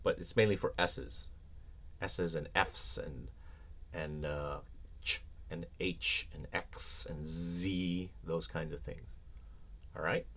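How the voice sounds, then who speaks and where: Male audio instructor, low voice, easygoing screencast walkthrough with filler words. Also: fairly even intonation, slow pace, fairly bright tone. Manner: casual, explanatory, many ums and restarts. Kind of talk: screencast software tutorial.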